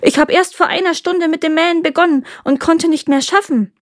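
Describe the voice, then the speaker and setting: A woman's voice: fairly high pitch, animated, measured pace, darkish tone, dry recording, studio quality. A woman voicing a lazy, greedy peasant husband who whines and pleads in a storybook reading. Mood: frightened. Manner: whining, pleading.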